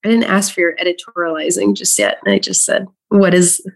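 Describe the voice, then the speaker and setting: A woman's voice: on the low side, fairly even intonation, fast, vocal fry. A woman from California chatting casually as co-host, laughing often and teasing the others. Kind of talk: casual chat.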